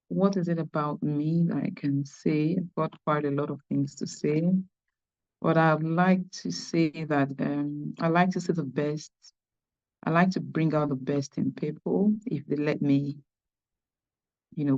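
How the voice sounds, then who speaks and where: A woman from Nigeria, introducing herself hesitantly and softly from an office over a video call. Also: low voice, steady tone, measured pace. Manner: hesitant, many fillers, speaking softly. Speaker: workshop participant introducing herself. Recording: dull lo-fi video call audio.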